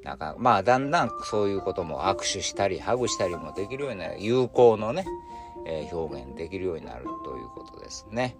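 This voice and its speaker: A man's voice: low-pitched, sing-song, fast. A man with a Kansai accent musing in casual talk, full of fillers, with music playing behind him. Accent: Kansai Japanese. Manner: chatty, musing, many fillers. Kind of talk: casual spoken commentary.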